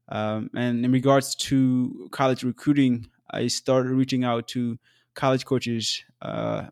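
Man in his twenties, from South Sudan, podcast host; measured and earnest, average pitch, dry close-mic read. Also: creaky, no echo. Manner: measured, earnest, with occasional fillers. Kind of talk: scripted solo podcast narration.

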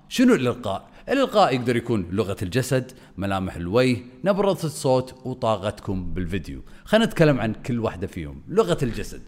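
Very fast-talking man. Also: lowish voice. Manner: energetic, swings voice up and down on purpose. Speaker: content creation coach. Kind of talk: video lesson to camera.

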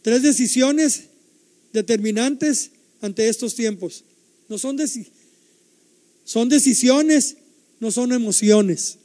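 An older male preacher with a very high yet mellow voice delivers an emphatic sermon, repeating key phrases and putting questions to his congregation. His words ring out with a long reverb, as if in a large church hall. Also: slow, long pauses. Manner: emphatic, repetitive, asks the congregation rhetorical questions.

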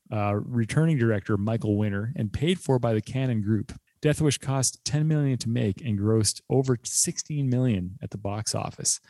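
A man co-hosting a casual movie podcast, laughing often and reading a quick plot rundown. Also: medium pitch, mellow, dry recording. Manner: laughs often, fast rundown read aloud. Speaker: podcast co-host.

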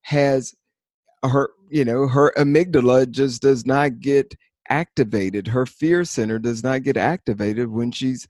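A man co-hosting a podcast in casual chat, rambling and animated, with many fillers and restarts. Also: mid-range voice, measured pace, no room sound. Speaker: podcast co-host.

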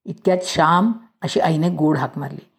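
A woman reading a storybook aloud in a lively way, acting out each character's voice. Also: on the low side, unhurried.

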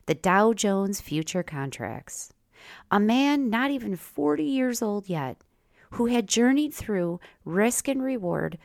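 A woman podcast host talks and tells stories in a personal way. Her voice wavers, with pitch that wanders and cuts in and out, and it has a gravelly fry to it. The recording is dry, with no room around her. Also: no echo. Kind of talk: personal podcast talk and storytelling.

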